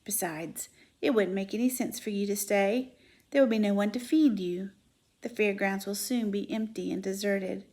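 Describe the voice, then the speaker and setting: Charlotte, a calm dying spider, read by a woman. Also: moderate pace, natural voice. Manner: low, quiet, calm and firm.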